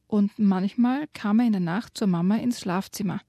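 A woman reads from a children's book and retells its story in a lively way. She sometimes drops to a whisper for suspense. Her voice is dark and husky, recorded dry and close. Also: medium pitch, normal speed, no room sound. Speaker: guest presenting a children's book. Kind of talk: reading aloud and retelling a story.

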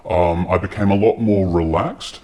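An anonymous man from Australia speaking in a news interview, his voice disguised by pitching it down. He talks in a measured, reflective way with hesitant fillers. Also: darkish tone. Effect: voice disguised, pitched down to sound deep.

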